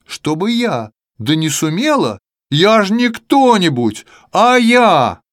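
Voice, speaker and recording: A man's voice: high voice, very animated, takes it slowly, dry recording, clean studio sound, pitched above the performer's own voice, exaggerated voice. A man voicing a proud, boastful female alphabet letter in a children's verse tale, haughty and demanding. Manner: haughty, then tearful and pleading.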